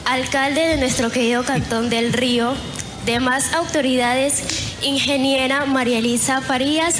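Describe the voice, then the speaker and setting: A woman of twenty with an Ecuadorian accent, giving a formal, declamatory pageant candidate speech. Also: high-pitched. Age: 20s. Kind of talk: prepared speech. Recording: noisy recording with background ambience.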